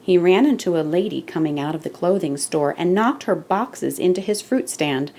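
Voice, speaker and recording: A woman reading a children's picture book aloud with deliberate, expressive emphasis, as the storyteller and host. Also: fairly low pitch.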